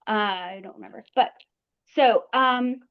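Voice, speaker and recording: A woman's voice: fairly high pitch, unhurried. A woman working as a planner, talking informally in an online meeting over a video call. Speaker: senior environmental planner. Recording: dull lo-fi call audio.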